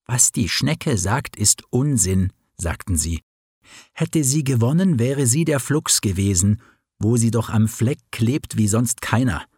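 A man's voice: medium pitch, lively intonation, a little slow, darkish tone, breathy edge, no echo, studio quality. A man voicing a scornful chorus of doubts in a storybook reading.

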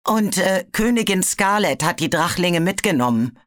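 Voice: mid-range voice, lively intonation, normal speed, fairly bright tone, no echo, studio quality, voice pushed up, lightly acted. A storybook narrator voicing a nervous male dragon who stammers and hesitates. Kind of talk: audiobook character voice.

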